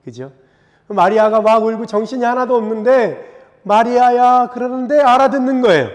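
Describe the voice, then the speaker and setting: High-voiced pastor in echoing church. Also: male voice. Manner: conversational, asks the congregation for agreement; acts out scripture voices in dramatic pauses. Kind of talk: sermon. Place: church sanctuary. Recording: reverberant church sanctuary.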